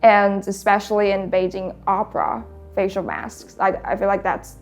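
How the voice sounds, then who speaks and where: A woman's voice: mid-range voice, little pitch movement, moderate pace, faint music behind. Thoughtful young woman. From Taiwan. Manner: thoughtful, searching for words. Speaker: painter. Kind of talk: documentary interview.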